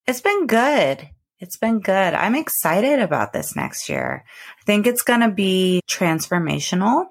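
A woman hosting a solo podcast in a casual, intimate, reflective way, recorded close up in a bedroom, drawing out words with pauses. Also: low-pitched, gravelly. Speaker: podcast host. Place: cozy bedroom, recording from bed.

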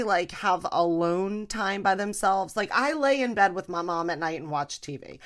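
A middle-aged woman talks straight to her listeners on a solo podcast. Her delivery is chatty and animated, frank and quick to laugh, with a bit of playful swearing mixed in. Her voice sits at an ordinary middle pitch. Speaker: podcast host and comedian. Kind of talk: casual solo podcast chat.

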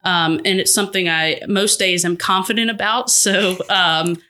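Bright-voiced woman meteorologist, quick talker. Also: mid-range voice, steady tone. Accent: slight Massachusetts. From Georgia. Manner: fast-talking, laughs often. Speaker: TV meteorologist, guest. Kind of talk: casual interview chat.

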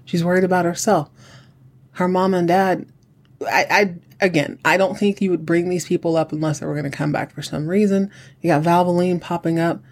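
A middle-aged podcast host with a husky voice, chatting solo in a campy, sassy drag-queen manner, sounding like a woman. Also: mid-range voice, fairly even intonation, brisk. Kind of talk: chatty solo recap commentary.

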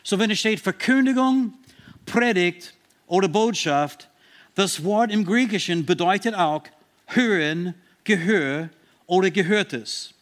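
A man preaching a sermon, stressing Bible verses slowly and emphatically, sometimes restarting as he searches for words. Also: sits high, expressive, fairly bright tone.

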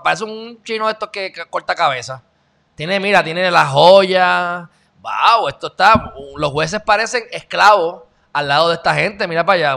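A man hosts an online show, sarcastic and animated as he comments on the news and talks right to his viewers. His voice sits fairly high and has a gravelly edge. It sounds bright and forceful. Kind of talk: casual commentary reacting to news.

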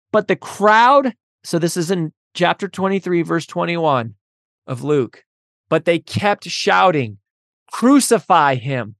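A woman's voice: on the high side, no room sound, clean studio sound. A woman hosting a faith podcast, giving an earnest teaching monologue that builds into impassioned, repetitive declarations. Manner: earnest, building to impassioned intensity with repeated phrases. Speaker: podcast host.

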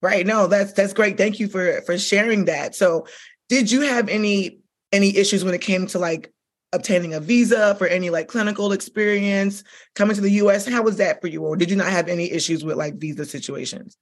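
A woman's voice: medium pitch, brisk. A woman hosting an interview podcast, enthusiastic and chatty, peppering her questions with "like" and "okay?". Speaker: podcast host.

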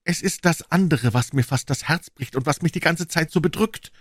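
Guy doing a worried bitter old nanny lady, high strained voice, storybook. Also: normal speed, a bit bright, dry recording, clean studio sound. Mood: bitter, grim. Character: anxious, bitter older woman, a former nanny.

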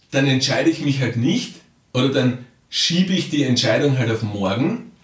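Brief: male coach talking straight to the listener, mid pitch, set back from the mic in a roomy space. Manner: addresses listener directly, often checks in with "ja?". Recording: roomy sound, mic at a distance.

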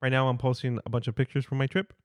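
A man's voice: medium pitch, little pitch movement, fast, dry recording, clean studio sound. A man, co-hosting a podcast in easygoing, self-deprecating casual chat. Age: 20s. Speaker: podcast co-host.

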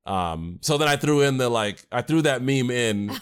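A man's voice: mid-range voice, lively intonation, moderate pace, clear, resonant tone. A man co-hosting a casual podcast chat, rambling with fillers and restarts. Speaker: podcast co-host and anime creator.

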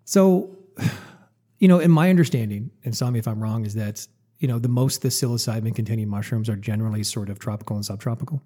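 A man hosts a casual podcast interview, his voice husky and warm in tone. He talks quickly and enthusiastically, rambling and joking as he works toward his questions. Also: medium pitch. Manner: chatty, enthusiastic, jokey, rambling. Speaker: podcast host.

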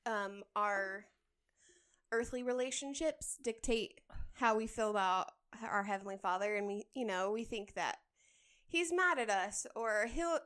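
A woman's voice: mid-range voice, a bit bright, smooth. A woman co-hosting a faith podcast, speaking casually and reflectively. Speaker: podcast co-host.

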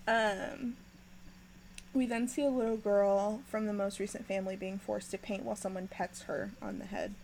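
A young woman hosting a podcast, recapping a TV episode in casual chat, laughing often and filling pauses with ums. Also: medium pitch, lively intonation, warm tone, slight background noise, rough recording.

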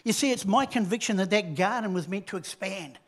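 A man preaching a sermon, retelling a story and dropping from loud emphasis to hushed, low tones. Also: lively intonation, a little fast.

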